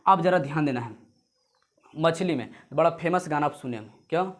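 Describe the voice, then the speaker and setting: A man's voice: fairly high pitch, expressive, normal speed. Guy teaching exam prep, keeps repeating stuff, jokey memory tricks, calls everyone dost. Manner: repetitive drilling, addresses viewers as friends; explains memory tricks with jokes and sung snippets. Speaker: coaching teacher.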